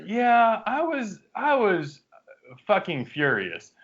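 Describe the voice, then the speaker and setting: A man with a fairly high voice tells a story in a podcast chat, heated and swearing freely, using plenty of "like" and "um". The recording sounds dull and lo-fi. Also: takes it slowly. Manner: profane, animated storytelling with frequent fillers. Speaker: podcast co-host. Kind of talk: casual chat among friends.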